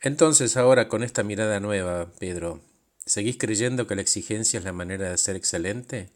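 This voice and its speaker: A man, a coach narrating and asking calm, reflective questions. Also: lowish voice, moderate pace.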